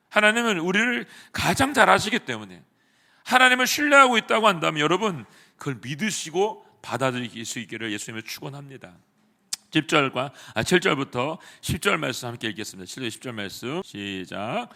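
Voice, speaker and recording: A man preaching a sermon as pastor in a church, animated, acting out inner dialogue with sudden swings from soft to loud. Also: a little high. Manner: lively preaching, acts out inner dialogue with quick shifts in loudness. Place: church sanctuary.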